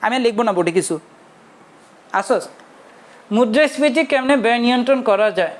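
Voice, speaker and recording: A man's voice: very high-pitched, animated, a little fast. A young male teacher giving a casual online lecture, chatty and forever checking whether his students have understood. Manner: chatty, keeps asking students if they understood.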